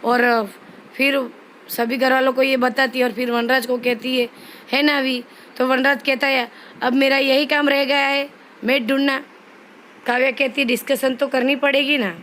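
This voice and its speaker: A woman casually retelling a TV serial episode, reading the characters' lines in a flat, even voice with frequent stumbles and restarts. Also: high-pitched, moderate pace, a little hiss or hum, rough recording. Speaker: channel host recapping a TV serial. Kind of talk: casual spoken episode recap.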